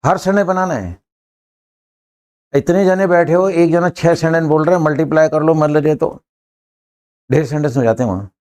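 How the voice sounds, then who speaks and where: Brisk, joking older male teacher. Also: fairly high pitch, darkish tone. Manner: brisk, joking, urging students to answer fast. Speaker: English teacher. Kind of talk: classroom English lesson. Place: classroom.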